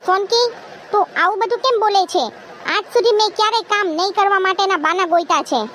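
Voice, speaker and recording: A woman voicing a meek, soft-spoken cartoon husband. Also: very high voice, fairly even intonation, fast talker. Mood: pleading. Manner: gentle, pleading. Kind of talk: cartoon voice acting. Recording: noisy background hiss.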